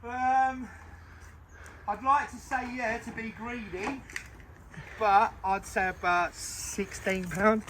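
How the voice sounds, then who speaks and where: A man's voice: high-pitched, level tone, takes it slowly, pauses often, background noise. A man chatting outdoors by a lake, in a matter-of-fact, slangy way. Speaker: angler. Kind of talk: casual chat.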